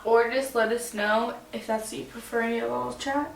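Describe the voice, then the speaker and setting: A woman's voice: on the high side, steady tone, fairly quick, gravelly. A woman chatting informally as she co-hosts a paranormal investigation vlog. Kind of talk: casual ghost-hunt vlog chat. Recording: roomy, distant mic, faint noise.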